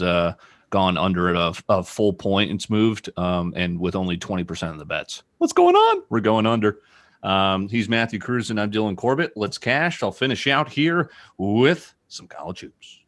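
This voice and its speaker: Low-voiced man rattling off betting picks. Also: a bit bright, no room sound, clean studio sound. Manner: rapid-fire auctioneer-style pick reading. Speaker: podcast host. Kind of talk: sports betting podcast chat.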